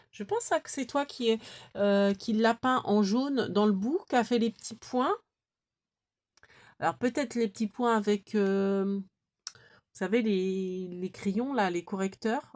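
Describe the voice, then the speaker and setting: Gushing woman opening craft mail. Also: mid-range voice. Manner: gushing, exclaims over small things; chatty, thinks aloud with fillers. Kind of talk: casual chat to viewers.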